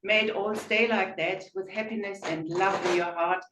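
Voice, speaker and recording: A woman chairing a speaking club meeting, chatty and quick to laugh. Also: medium pitch, fairly even intonation. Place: meeting room. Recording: echoey room from far off, faint noise.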